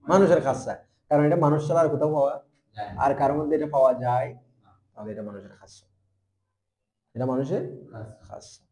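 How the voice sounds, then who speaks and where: High-voiced Bangladeshi man teaching grammar. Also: fast, long pauses, mellow, reverberant. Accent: Bangladeshi Bengali. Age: young adult. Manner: asks the class questions and answers them himself; spells out letters and repeats terms. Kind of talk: classroom grammar lesson.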